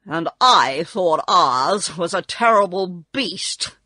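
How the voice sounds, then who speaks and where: A woman's voice: fairly low pitch, animated, slow pace, pushed and bright, no echo, clean studio sound, exaggerated voice. A woman voicing an angry, impatient man of tin in a storybook, emphatic and indignant.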